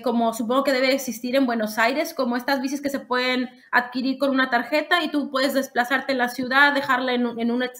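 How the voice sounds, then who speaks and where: A woman's voice: high-pitched, a bit bright. A young adult woman with a Mexican accent, a podcast guest explaining her long walk at length with many restarts. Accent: Mexican Spanish. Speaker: guest, long-distance walker. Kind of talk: casual podcast interview.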